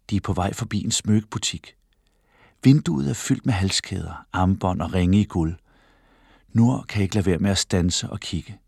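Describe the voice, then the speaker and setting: A man narrating a children's book in an expressive storytelling manner. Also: fairly low pitch, gravelly, husky, no echo, clean studio sound. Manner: expressive storytelling, voices the characters. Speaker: audiobook narrator.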